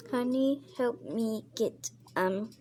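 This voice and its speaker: A woman with a high voice plays through a casual game role-play as a mother. She talks slowly and chats along, stopping now and then to narrate what her character does, with a faint hiss of background noise. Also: darkish tone.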